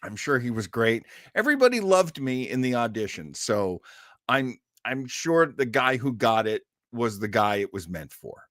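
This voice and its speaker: In a clean studio recording with no room sound, a male actor runs a casual live online show, joking and chatting with viewers and chuckling a lot. His medium-pitched, fairly bright voice swings widely in pitch at a moderate pace.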